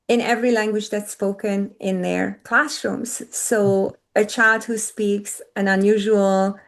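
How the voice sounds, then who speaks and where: A woman whose first language is Hungarian speaks earnestly in a medium-pitched voice. She's a panelist in an online discussion held over a video call.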